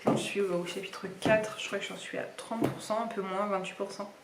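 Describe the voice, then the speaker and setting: A young woman hosts a reading vlog, chatting casually about her books and rambling with lots of fillers. Her mid-range voice moves at a normal speed with fairly even intonation. The audio is very noisy, the room echoey, and she's somewhat far from the mic.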